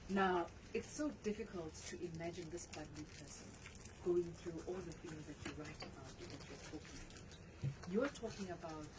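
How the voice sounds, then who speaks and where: A woman's voice: on the low side, moderate pace. A woman hosting a radio interview in a chatty way, often echoing her guest's words. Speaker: radio show host. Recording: distant mic with background noise.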